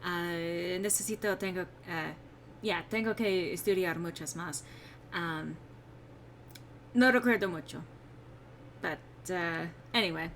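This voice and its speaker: A woman's voice: fairly low pitch, unhurried, pauses often, fairly bright tone, a little hiss or hum. A woman hosting a casual gameplay stream, rambling and self-mocking, sounding a little under the weather and subdued. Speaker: streamer host.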